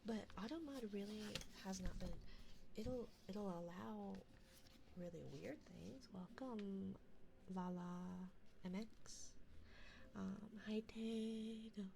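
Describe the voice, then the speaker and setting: A woman hosting a bedtime ASMR live stream, chatting softly and intimately like pillow talk and often dropping into whispers close to the microphone. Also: mid-range voice, slow, gravelly, slight background noise. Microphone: close binaural microphone.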